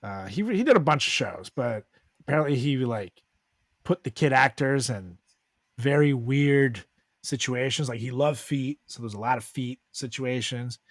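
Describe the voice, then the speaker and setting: A man's voice: medium pitch, moderate pace, no echo, studio quality. A man co-hosting a podcast, chatting casually and trading crude jokes, often laughing. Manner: laughing, crude joking banter. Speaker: podcast co-host. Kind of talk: casual chat.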